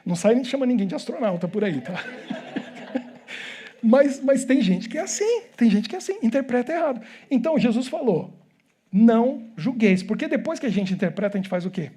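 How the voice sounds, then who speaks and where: High-voiced Brazilian pastor telling jokes. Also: male voice, fast, few pauses, slightly rough. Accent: Brazilian Portuguese. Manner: animated storytelling with jokes and rhetorical questions. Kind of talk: sermon. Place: church hall.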